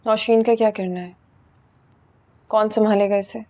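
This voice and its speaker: A woman's voice: medium pitch, steady tone, a little slow, dark tone, lightly acted. An actress playing a young working wife who argues firmly with her husband. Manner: firm, tired, pushes back. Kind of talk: TV drama acting.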